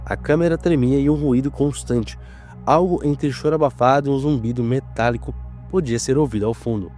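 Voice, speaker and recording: Soft music backs a Brazilian narrator guiding a scripted horror documentary. His voice sits mid-pitch, and his measured, solemn telling carries dramatic weight.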